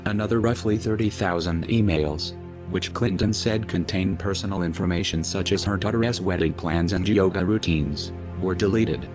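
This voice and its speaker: A man reading a news report in a steady, measured way through a disguised deep voice changer. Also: dull audio. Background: music.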